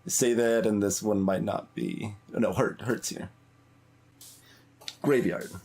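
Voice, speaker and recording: Low, steady and slow, this man's voice has a darkish, slightly rough quality. As a let's play streamer over game music, he thinks aloud casually, hesitating and letting sentences trail away.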